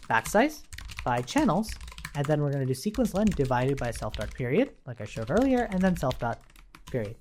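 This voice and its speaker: A programming instructor leads an informal live coding tutorial, thinking aloud as he types and often checking in with the listener. His voice is mid-range, keyboard typing sounds in the background, and there is a little hiss or hum.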